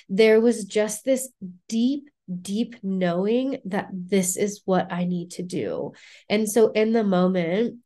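A woman's voice: medium pitch, dark tone. Earnest reflective woman podcast guest. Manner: earnest and reflective, many "like" fillers. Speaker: guest, courage coach. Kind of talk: casual podcast interview.

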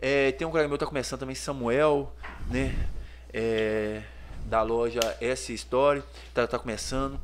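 A Brazilian man, a clothing store owner, telling lively stories in a casual podcast interview and acting out the voices of people in them. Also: medium pitch, normal speed, a little hiss or hum. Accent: Brazilian Portuguese. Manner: lively storyteller, acts out voices and sounds.

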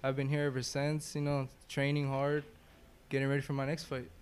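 A man's voice: mid-range voice, monotone, fairly quick, clean tone. A young man from Oakland, a boxer answering interview questions casually in short, plain, repeated phrases. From Oakland, California. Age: young adult. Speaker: professional boxer, interview guest.

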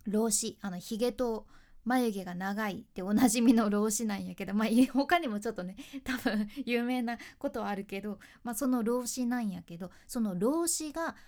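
Woman, a former announcer doing a relaxed solo chat, slightly high voice, chatty and easily amused. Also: normal speed. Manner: chatty, laughs often, asks listeners questions. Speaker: freelance announcer and speaking coach.

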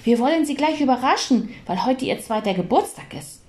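A woman voicing a kind, cheerful young mother in a storybook reading, bright and coaxing. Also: high voice, lively intonation, brisk, pitched above the performer's own voice.

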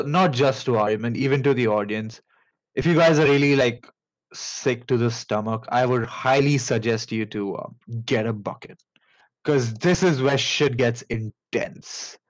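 A man with an Indian accent hosting a casual podcast, telling a story in a rambling, halting way with many fillers and restarts. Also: mid-range voice, poor audio. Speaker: podcast host.

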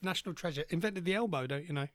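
A man's voice: fairly high pitch, rapid-fire, dry recording, clean studio sound. Man hosting a comedy podcast. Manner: easygoing, rambling. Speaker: podcast host.

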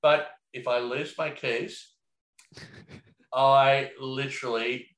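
Speaking slowly with a steady tone, a man with a mid-range, slightly bright voice muses casually, rambling with many fillers and dropping the odd swear word. It's a casual conversation recorded in an echoey space.

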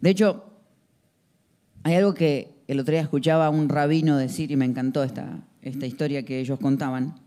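A man's voice: a little high, fairly even intonation, brisk, warm tone. A man preaching a sermon, emphatic and full of rhetorical questions.

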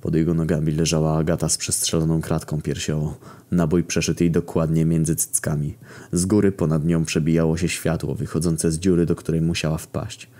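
A man narrating a crude, darkly comic story in a wry, deadpan way. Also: a bass voice, a little fast. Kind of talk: casual profane story narration.

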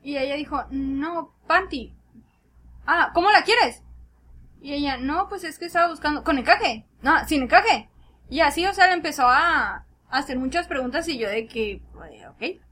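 A woman's voice: high voice, lively intonation, normal speed, sharp tone. A Mexican woman co-hosting a podcast, telling a story in casual slang and laughing often. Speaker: podcast co-host.

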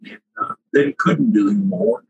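An older man with a cracking, husky voice and sinus trouble, reminiscing casually and haltingly as an interview guest. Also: on the low side, dull audio. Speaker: interview guest, retired researcher.

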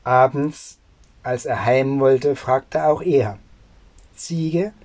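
An unhurried storyteller reading a classic fairy tale aloud. The pace is slow and deliberate, and the odd filler and small restart slip in between the sentences. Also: medium pitch, a little mellow.

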